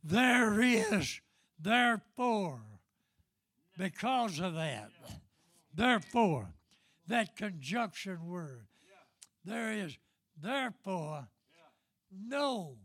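A man's voice: sits high, sing-song, drawn-out words, pauses often, a bit bright, dry recording. An elderly man preaching a fervent Pentecostal-style sermon in an emphatic, repetitive, folksy way. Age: 70s or older.

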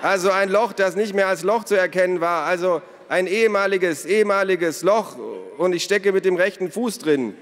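Male reader voicing a sulky sarcastic boy: loud, whiny, annoyed, storybook, reverberant sound. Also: medium pitch, animated, moderate pace, pitched above the performer's own voice, close to an everyday voice. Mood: exasperated. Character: grumpy sarcastic boy, clumsy and easily annoyed. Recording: long reverb.

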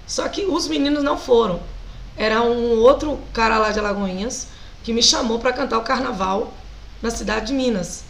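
A Brazilian woman singer with a Brazilian Portuguese accent, animated and laughing often as she tells stories as a guest in a casual interview. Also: fairly high pitch, moderate pace, gravelly, slight background noise, low-quality recording.

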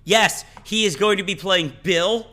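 Man, podcast co-host, casual chat, bright tense voice, opinionated, voice cracking. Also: sits high, a little slow. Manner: animated, opinionated, swears freely.

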